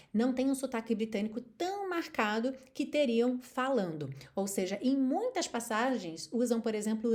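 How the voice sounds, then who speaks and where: A lively Brazilian woman in her thirties leads an online English lesson in a slightly high voice. She explains with an expressive, animated manner and breaks into sung lines to demonstrate pronunciation. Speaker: English teacher.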